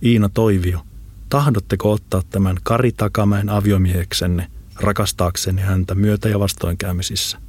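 Guy reading a solemn judge, deep and formal, dry sound. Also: fairly even intonation, a little mellow, husky. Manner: formal, ceremonial. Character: formal middle-aged male judge officiating.

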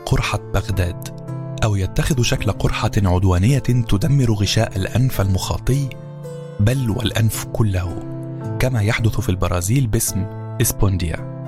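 Man, audiobook narrator, lowish voice, calm and measured, music playing behind. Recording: narration over background music.

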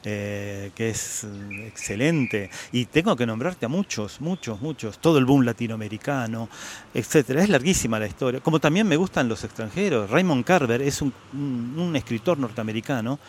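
At a book fair, a guest writer in his sixties with an Argentine Spanish accent talks about his favorite authors in a mid-range, animated voice at a moderate pace. He is reflective, repeats words for emphasis, and uses many hesitation sounds, with slight background noise present.

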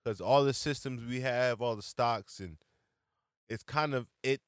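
A man in his late twenties in a casual chat, blunt and slangy, quick to agree. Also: mid-range voice, smooth, no echo, clean studio sound. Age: late 20s.

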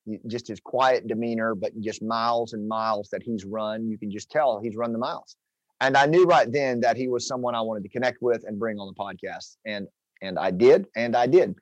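A man's voice: on the low side, steady tone, normal speed, dry recording, poor audio. Enthusiastic male podcast host, dry sound. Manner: enthusiastic, rambling with restarts. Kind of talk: casual interview chat.

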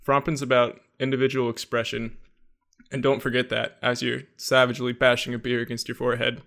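A man hosting a casual talk show, easygoing and quick to laugh, walking his guest through hypothetical situations. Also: medium pitch, monotone, vocal fry, fairly bright tone. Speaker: podcast host. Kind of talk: casual chat.

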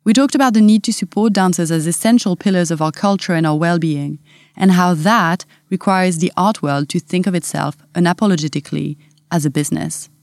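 A woman with a French accent, hosting a podcast and reading a measured, earnest introduction. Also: on the low side, darkish tone, dry recording, studio quality. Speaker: podcast host.

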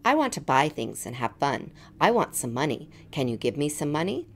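A woman's voice: sits low, big pitch swings, normal speed, full character voice. A woman reading a storybook, voicing a needy, self-centred boy with a plaintive manner. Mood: demanding. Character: needy, self-centred boy who grows old and weary. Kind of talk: storybook read-aloud.

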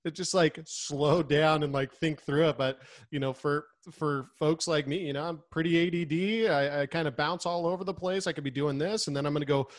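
A man in casual conversation, telling stories in an animated, restless way and acting out what people said. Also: fairly high pitch, brisk, hardly any pauses, no echo, clean studio sound. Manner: animated, restless storyteller who acts out quotes.

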